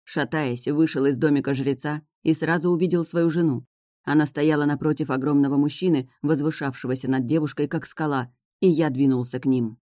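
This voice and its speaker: A narrator reading a first-person fantasy tale in a lively, wry manner at a middling pitch. The recording is close and dry, with no room echo. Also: a little fast. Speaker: audiobook narrator.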